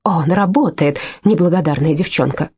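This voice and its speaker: A woman reading the lines of a bossy older landlady in an audiobook, raising her voice in a shrill, shouting way. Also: normal speed, slightly rough. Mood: angry, bossy.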